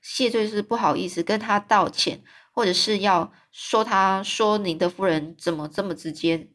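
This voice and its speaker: A woman's voice: medium pitch, moderate pace, a bit bright. Rambling casual woman storyteller. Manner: rambling, self-correcting, filler-heavy. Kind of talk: casual retelling of a novel.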